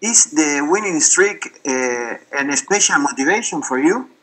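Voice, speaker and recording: A man who is a non-native English speaker, asking press questions as a reporter in a halting, hesitant way. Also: on the high side, expressive, bright, forceful tone, low-quality recording. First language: not English.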